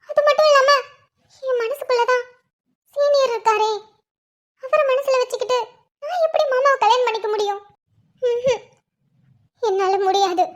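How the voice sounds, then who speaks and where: Lady doing a worried cartoon college girl, frets to herself, super high voice. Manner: anxious, pleading inner monologue. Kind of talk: cartoon voice acting.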